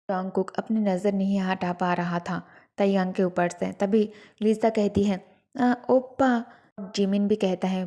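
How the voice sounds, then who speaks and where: A woman narrating a fan-fiction story voiceover in a lively, dramatic storytelling manner. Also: mid-range voice.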